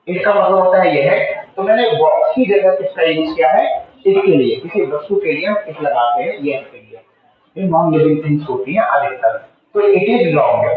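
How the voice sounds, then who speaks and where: A male teacher with a slightly sore throat, explaining a spoken English lesson in Hindi and often repeating key words back to the class as questions. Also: high voice. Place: school classroom. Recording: distant, echoey, tinny phone-like sound.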